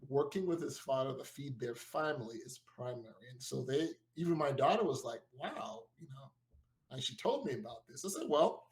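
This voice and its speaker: A middle-aged man with a mid-pitched voice co-hosts a casual podcast chat. He tells his stories in a relaxed way, full of "like" and "right?". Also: a little fast, rough recording. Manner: storytelling, relaxed, peppered with "like" and "right?". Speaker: podcast co-host.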